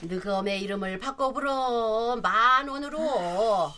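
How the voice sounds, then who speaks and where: A woman playing a loud nagging country mother. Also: fairly high pitch, slow, very noisy. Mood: scolding. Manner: scolding, sighing, fussy. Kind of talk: radio drama acting.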